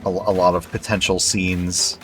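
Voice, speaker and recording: A male streamer chatting casually at home at night while playing a game, relaxed and rambling with many fillers. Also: deep voice, moderate pace, over music. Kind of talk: casual gameplay commentary.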